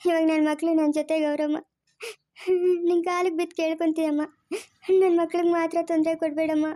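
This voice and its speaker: A woman's voice: high voice, little pitch movement, fast talker, mellow, natural voice. A woman playing a tearful mother who begs, crying, for her children to be spared. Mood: tearful pleading. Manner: begging, emotional. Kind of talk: family drama acting.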